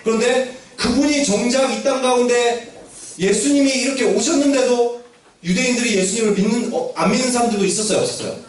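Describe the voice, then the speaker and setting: As their Sunday school teacher, a man tells children a Bible story, asking them questions and acting out the characters' lines. His voice is very high-pitched and a little fast, coming from afar in a very echoey room.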